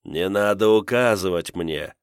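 A man voicing a calm, menacing male captor who speaks slowly and mockingly. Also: low voice, clean tone, dry recording, clean studio sound. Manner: slow, drawling and mocking.

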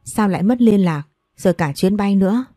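A woman voicing a worried, loving middle-aged mother in an audio story, read in a soft, plain way. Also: medium pitch, lively intonation, fairly quick, dry recording, studio quality, faint music behind, close to an everyday voice.

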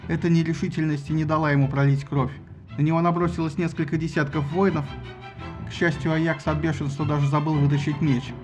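A man reading an audiobook with lively, ironic storytelling. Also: a little high, a little fast, music in the background. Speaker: narrator. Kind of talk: audiobook narration.

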